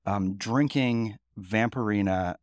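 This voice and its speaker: A podcast co-host in his thirties chats casually, rambling a little and using plenty of fillers. His low voice sounds groggy from the early morning, and he speaks slowly. He's relaxed, and the sound is dry and close with no room sound.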